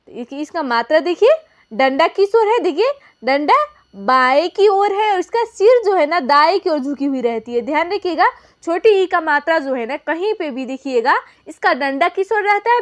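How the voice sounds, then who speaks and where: A young woman with a high voice gives her viewers a classroom-style lesson. She asks questions and answers them herself, repeating each point so it sticks.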